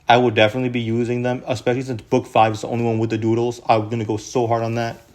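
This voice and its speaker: A man's voice: medium pitch, monotone, racing, darkish tone. A young man hosting a casual, rambling book review, full of fillers like "honestly" and "unironically". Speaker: video host.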